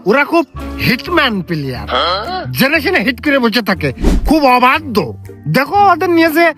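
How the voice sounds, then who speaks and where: A man voicing a mocking, scornful male gang boss who sneers and hums slowly in a comic sketch. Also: very high voice, very animated, over music.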